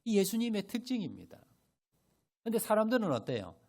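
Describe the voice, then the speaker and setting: A man's voice: high-pitched, fairly quick. A male pastor preaching a Sunday sermon, often asking the congregation questions and answering them himself. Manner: animated, rising and falling emphasis. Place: church sanctuary.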